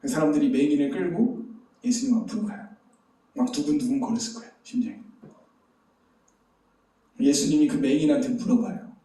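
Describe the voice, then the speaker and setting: Male pastor, storytelling sermon, fairly high mellow voice, rhetorical questions, booming church reverb. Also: lively intonation, a little fast, pauses often. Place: church sanctuary. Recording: very echoey hall, distant mic.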